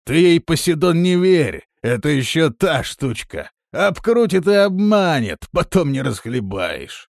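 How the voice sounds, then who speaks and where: A male narrator plays a crude, cunning man who leads his group. He talks loud, bossy and mocking, in a lively voice. It is a dry, close audiobook recording. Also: on the high side, measured pace, vocal fry, few pauses, dry recording, pitched above the performer's own voice, heavily acted.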